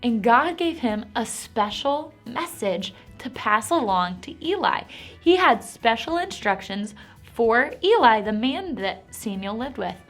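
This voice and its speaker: An animated woman teaches a Bible lesson to preschoolers and cheers them on. Her voice is high and swoops widely. Faint music plays behind her. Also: a little slow. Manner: animated and encouraging.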